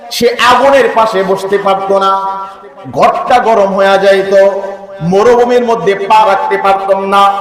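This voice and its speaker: A male preacher telling a story, rising into an emotional chant and calling on the listeners to respond. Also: sits high. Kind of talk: sermon storytelling. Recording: echoey hall from a distance.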